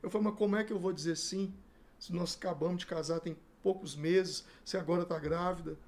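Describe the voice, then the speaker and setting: A man's voice: high-pitched, fairly even intonation, fairly quick. A middle-aged man from Brazil, a pastor, telling his life story in a podcast interview and acting out the dialogue as he goes.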